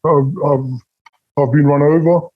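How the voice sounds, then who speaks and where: A husky man with a British accent answers interview questions in a loose, rambling way, circling back and repeating himself with plenty of fillers. He comes through a video call, and the audio is dull and lo-fi. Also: on the high side, fairly even intonation, a little slow. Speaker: interview guest, former call center scammer.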